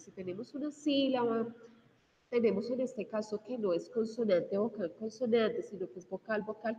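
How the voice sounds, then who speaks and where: A woman with a Colombian Spanish accent teaching an English grammar class, explaining step by step, switching between Spanish and English and slowing down to read example sentences. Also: fairly high pitch, a little mellow. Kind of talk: bilingual video class lecture. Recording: distant mic in a reverberant room, dull sound, faint noise.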